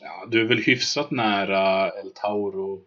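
A man running a tabletop game as game master, narrating scenes in a relaxed way with many filler words. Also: lowish voice. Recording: dull lo-fi mic.

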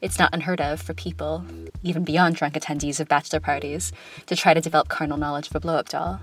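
A woman hosting a podcast, reading a scripted opinion piece in a smooth, composed, conversational way with wry touches. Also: sits low, steady tone, fast. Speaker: podcast host. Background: music.

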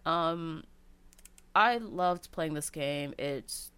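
A woman's voice: deep voice, drawn-out words, a bit bright, clear, resonant tone. A woman in casual chat about favorite video games, rambling with many fillers and restarts. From Cantonese family background.

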